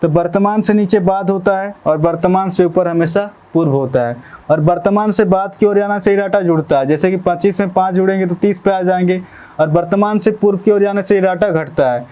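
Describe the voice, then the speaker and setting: Maths teacher, high but mellow voice. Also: male voice, brisk. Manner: explains step by step, repeats phrases, asks "ठीक है?" often. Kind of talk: exam-prep maths lesson.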